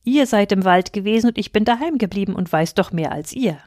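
A woman's voice: medium pitch, animated, brisk, darkish tone, no room sound, clean studio sound, lightly acted. A woman voicing a kind, earnest young prince in a fairy tale reading.

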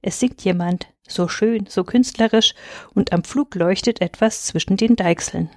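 A woman's voice: medium pitch, dry recording, studio quality. A woman reading aloud, voicing a timid male village elder who speaks hesitantly. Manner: hesitant, halting.

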